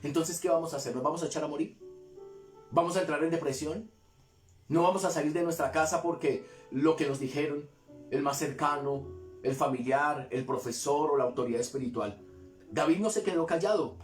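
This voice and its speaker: A man's voice: on the high side, a little fast, echoey room, soft background music. A man preaching a devotional sermon as pastor, asking rhetorical questions and repeating his points for emphasis.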